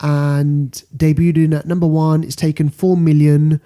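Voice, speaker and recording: A man's voice: a little high, level tone, unhurried, dark tone. A British man hosting a casual film podcast, talking through rankings informally and repeating phrases for stress. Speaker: podcast host. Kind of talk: casual box office rundown.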